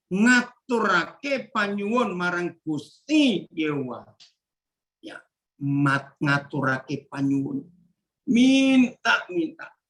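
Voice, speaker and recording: A male pastor preaching to a prayer group, reading verses aloud, directing helpers to the slides, and jumping up in pitch for emphasis. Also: bright, forceful tone, rough recording. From Indonesia. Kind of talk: sermon.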